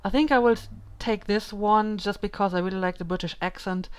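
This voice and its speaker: A woman's voice: mid-range voice, steady tone, a little fast, clear, resonant tone. Musing woman narrating a game playthrough. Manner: thoughtful, hesitant, many ums. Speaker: let's play host. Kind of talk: casual gaming commentary.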